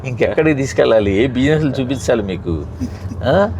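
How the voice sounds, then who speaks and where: A man's voice: medium pitch, expressive, a little fast, darkish tone, a little hiss or hum. A man interviewing guests during a car ride, teasing and guessing in a playful, chatty way. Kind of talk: teasing casual chat. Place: inside a moving car.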